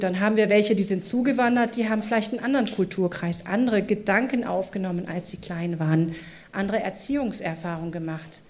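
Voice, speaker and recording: A woman's voice: mid-range voice, a little mellow. A woman with a lilt delivers a sermon to a church congregation. She talks in an engaging way and keeps asking the listeners questions so they answer aloud. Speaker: preacher. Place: church service.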